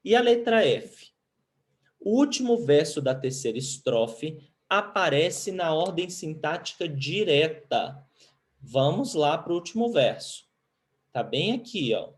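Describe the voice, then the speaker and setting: A Brazilian man teaching a Portuguese grammar lesson, who asks questions and answers them himself, and reads poem lines slowly while counting syllables. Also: a little high, very animated. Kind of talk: recorded online grammar lesson.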